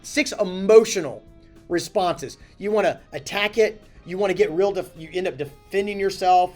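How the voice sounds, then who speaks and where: A man, a company chief, giving a casual, animated talking-head lesson on handling crises, blunt and self-correcting. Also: high-pitched. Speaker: company CEO teaching communication.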